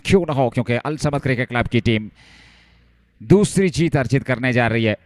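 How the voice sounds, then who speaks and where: A male cricket commentator calling a match live, with excited delivery when the action picks up. His voice sits at a medium pitch, and the sound is close and dry. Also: fairly quick, no echo.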